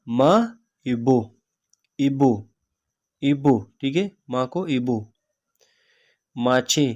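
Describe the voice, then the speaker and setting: Slow, repetitive male language tutor. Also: medium pitch, a little mellow, dull audio. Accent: Pakistani. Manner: says each word slowly, repeats it, adds "theek hai" after it. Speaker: language teacher. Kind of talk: slow vocabulary lesson.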